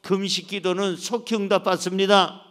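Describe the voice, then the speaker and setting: A middle-aged man preaches in a church with a high-pitched voice. He is animated, acts out the voices of the people in his stories, and swings between loud outbursts and quiet asides. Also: moderate pace. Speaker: pastor. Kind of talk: sermon. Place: church sanctuary.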